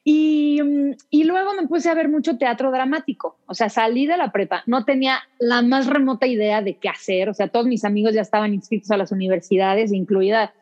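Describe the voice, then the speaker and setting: A woman from Mexico City with a Mexico City Spanish accent, an actress chatting as an interview guest in a lively, rambling way. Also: on the high side, brisk. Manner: chatty, many restarts and fillers. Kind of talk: casual interview conversation. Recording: dull lo-fi sound.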